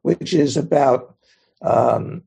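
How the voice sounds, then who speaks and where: A man, a Zen teacher, giving a gentle, thoughtful dharma talk and taking questions. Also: mid-range voice, drawn-out words, creaky, slightly rough.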